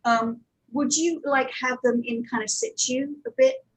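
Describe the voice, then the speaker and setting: A high-pitched woman with big pitch swings, a breathy edge, and a measured pace speaks on a low-quality recording. She is an audio producer giving an informal panel talk, conversational and sprinkled with anecdotes and digressive asides.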